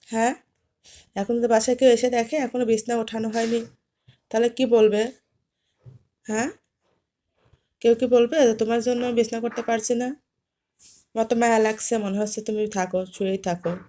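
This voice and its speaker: A woman's voice: on the high side, level tone, moderate pace, long pauses, mellow. A woman vlogger talking to camera while coaxing and scolding her cat to get off the bed. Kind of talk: casual chat to camera.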